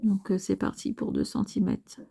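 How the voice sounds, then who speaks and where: A woman's voice: mid-range voice, huge pitch swings, moderate pace, gravelly, warm tone, slightly rough. A woman, casually narrating her journaling craft work step by step, musing and hesitant with many filler sounds. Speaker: crafting vlogger.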